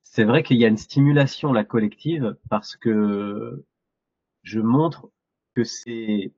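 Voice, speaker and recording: A man's voice: on the low side, darkish tone, husky, dry recording, muffled recording. A man speaking casually and encouragingly as the leader of a group.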